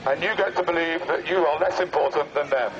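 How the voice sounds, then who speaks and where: A man speaking through a megaphone on a busy outdoor square, making formal, deadpan mock public announcements. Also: a little high, fairly quick. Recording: muffled megaphone with street noise.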